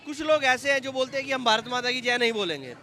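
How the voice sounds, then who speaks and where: A male street reporter with a very high, bright and forceful voice. He drives the conversation with leading questions and often completes his guest's sentences. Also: expressive, fast talker, faint music behind, a faint crowd. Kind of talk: street interview.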